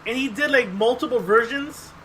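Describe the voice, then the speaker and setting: Very high-pitched and moving at a moderate pace, a man co-hosts a podcast in a casual chat, rambling and profane. He brings his stories to life by acting out the quotes. There's a little hiss or hum.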